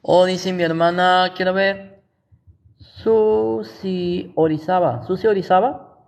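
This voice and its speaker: Slow, creaky, and high in pitch, the voice belongs to a Guatemala City pastor with a Guatemalan Spanish accent. His Bible teaching is informal, and he keeps checking in through rhetorical questions.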